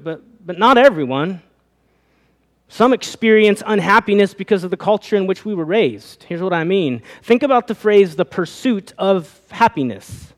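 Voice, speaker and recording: Guy preaching a sermon, pretty high voice, big hall echo, keeps asking the crowd questions. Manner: rhetorical questions to the congregation, rising and falling delivery. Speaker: pastor. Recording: long reverb of a hall.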